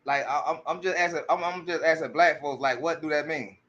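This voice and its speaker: A man's voice: on the high side, fairly even intonation, a little fast, a bit bright, highs cut off. A man giving casual commentary, often restarting his sentences and repeating rhetorical questions to his audience. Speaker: commentary streamer.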